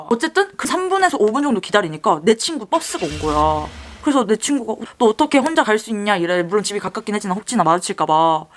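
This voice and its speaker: With slight background noise, a young storyteller with a medium-pitched voice recounts creepy personal experiences while applying makeup. Her delivery is casual and animated, and she imitates the people in her tales.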